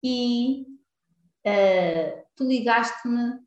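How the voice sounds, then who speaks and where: A woman telling stories informally and haltingly in casual chat. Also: on the high side, a little mellow, highs cut off. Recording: roomy, slightly echoing sound.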